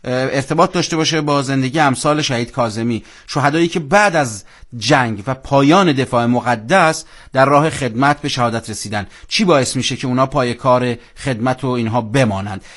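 A man hosting a radio program, speaking fluently and warmly, with frequent fillers. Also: medium pitch. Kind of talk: hosting a live radio show.

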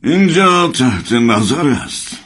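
An actor playing a grave, wise older male leader who speaks in a solemn, measured way. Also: mid-range voice, big pitch swings, fairly bright tone, breathy edge.

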